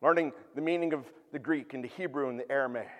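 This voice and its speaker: A man preaching a sermon as pastor, teaching earnestly and moving between hushed, quiet stretches and emphatic, raised passages. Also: mid-range voice, fast talker, long reverb tail.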